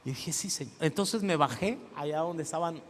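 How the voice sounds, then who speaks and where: A middle-aged man with a Mexican accent preaches in an animated way, acting out stories and leading call-and-response. His voice sits high for a man. A long reverb from the church hall trails behind him. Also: moderate pace. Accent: Mexican Spanish. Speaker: pastor. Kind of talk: sermon. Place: church sanctuary.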